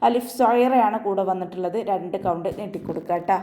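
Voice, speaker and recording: Woman recitation teacher, online class; patient, step-by-step, gentle reminders; mid-pitched voice. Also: quick pace.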